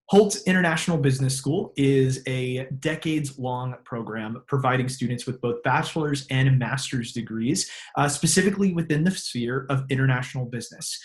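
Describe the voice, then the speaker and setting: A man's voice: medium pitch, moderate pace, few pauses. A man hosting an online open house on a video call, reading scripted introductions with small slips. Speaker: host. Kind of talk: webinar hosting.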